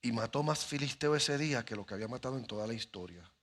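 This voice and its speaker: Here a middle-aged pastor's expressive, slightly bright medium-pitched voice moves quickly as he tells a sermon story with dramatic timing. He acts out different voices, holding a handheld microphone, with faint music in the background.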